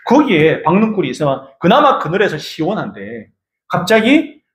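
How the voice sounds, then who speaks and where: Animated high-voiced male pastor preaching. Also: normal speed, a little hiss or hum. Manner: animated preaching, asks the congregation questions. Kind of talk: sermon. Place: church sanctuary. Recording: echoey church room.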